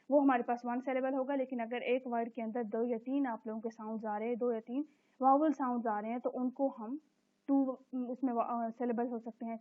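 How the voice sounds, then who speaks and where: A woman teacher explaining an English lesson step by step, repeating each word slowly. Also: a little high. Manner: explains step by step, repeats words slowly and checks with a recurring "theek hai". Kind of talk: recorded classroom lesson explaining English grammar. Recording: tinny phone-like recording.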